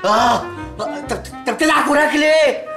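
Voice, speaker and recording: An actor playing a melodramatic young man high on hashish, wailing in panic with an Egyptian accent. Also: lively intonation, quick pace, music in the background. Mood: panicky whining. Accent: Egyptian Arabic. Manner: wailing, breathless complaints. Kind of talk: TV comedy drama acting.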